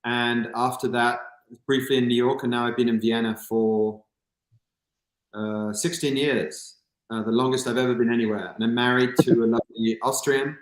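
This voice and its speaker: A man's voice: medium pitch, roomy sound. A man from England, a guest on a video call, talking casually with many fillers and restarts. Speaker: guest, kidney recipient. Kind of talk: casual interview chat.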